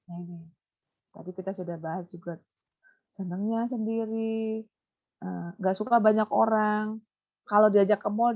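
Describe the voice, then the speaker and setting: A woman consultant and behaviour therapist giving an animated webinar talk, now and then putting on a high coaxing voice to show how to talk to a child. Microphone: webinar computer mic. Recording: muffled online webinar audio.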